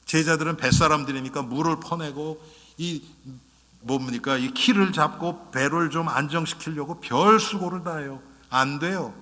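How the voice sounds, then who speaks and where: A male pastor delivers a lively sermon, tossing rhetorical questions at his congregation and acting out little quotes. His voice is bright and forceful and sits a bit high. The sound has a long hall reverb, like a church sanctuary. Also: normal speed.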